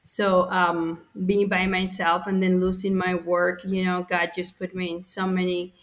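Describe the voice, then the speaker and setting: A woman's voice: on the low side, flat delivery, unhurried. A woman from Mexico, a podcast guest speaking in a candid, matter-of-fact way. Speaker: guest, pro-life ministry worker. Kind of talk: podcast interview.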